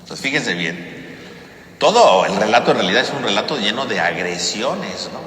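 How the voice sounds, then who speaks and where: Bright-voiced priest in an echoey hall. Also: male voice, fairly low pitch, big pitch swings, normal speed, a little hiss or hum. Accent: Mexican Spanish. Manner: conversational, tag questions after nearly every phrase. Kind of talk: Bible study lecture. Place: parish church hall. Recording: echoey hall with faint ambience.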